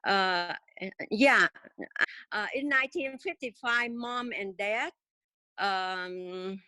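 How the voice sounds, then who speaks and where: A woman in her seventies from Vietnam with a Vietnamese accent, telling her life story haltingly in an interview with many pauses and fillers. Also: mid-range voice, bright, forceful tone, no room sound. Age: 70s. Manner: halting, many filler sounds, simple grammar. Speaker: interview guest.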